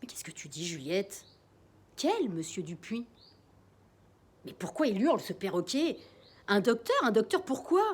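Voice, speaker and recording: Woman doing a frazzled bossy mom, scolding, jumpy lively voice. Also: fairly high pitch, fairly quick. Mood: exasperated. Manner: exasperated, scolding questions. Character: flustered middle-aged mother, sharp and bossy.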